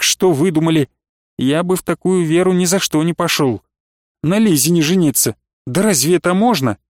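A man narrating a classic novel in a measured, expressive storytelling manner. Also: fairly high pitch, no echo, studio quality. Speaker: audiobook narrator.

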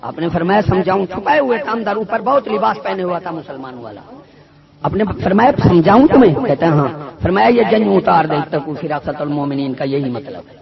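A man preaching a sermon full of stories, emphatic and swinging between loud and soft. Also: high voice, lively intonation, creaky. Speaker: Sufi preacher. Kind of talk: sermon with storytelling. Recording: dull lo-fi recording with a loud crowd.

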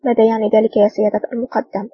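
A woman's voice: on the high side, level tone, rapid-fire, slightly rough, dry recording. Woman reading a playful young female lieutenant. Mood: teasing. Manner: teasing. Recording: dull distant dry recording.

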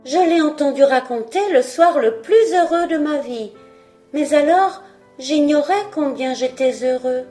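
A woman's voice: high-pitched, measured pace, mellow, faint music behind, voice pushed up. A woman voicing a proud young fir tree who muses wistfully about his past. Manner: wistful, self-assured musing.

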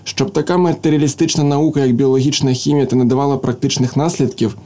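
A man's voice: mid-range voice, fairly even intonation, quick pace, warm tone, natural voice. A man reading the part of a self-confident young engineer who talks casually and a little provokingly. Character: brash, familiar young male engineer.

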